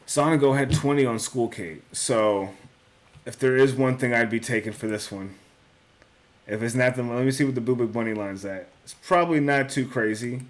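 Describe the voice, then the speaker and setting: A young man with a mid-range voice talks at a moderate pace, hosting a laid-back solo show on sports betting picks. He thinks out loud, corrects himself, and swears occasionally, tossing in "bro" and "dude" along the way.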